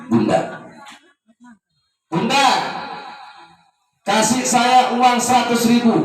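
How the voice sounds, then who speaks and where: A man preaches an informal sermon at a fairly high pitch. His voice climbs and drops as he acts out parents pleading with their children. He is recorded from a distance in a very echoey hall, with faint music behind him. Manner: animated, rising and falling intonation, acting out parents and children. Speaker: ustaz giving advice at a birthday gathering. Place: community hall at an Islamic boarding school.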